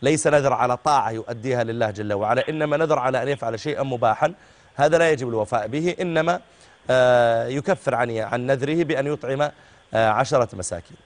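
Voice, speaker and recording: A man's voice: mid-range voice, quick pace. A middle-aged man with a Saudi accent, a religious scholar answering callers in an avuncular way. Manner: avuncular, addresses callers as my son. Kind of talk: religious call-in advice.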